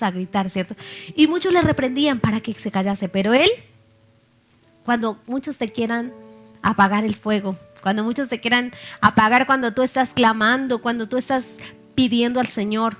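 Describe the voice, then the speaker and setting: Woman preaching a sermon over faint music. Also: on the high side. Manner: reads scripture aloud, then asks the listeners questions.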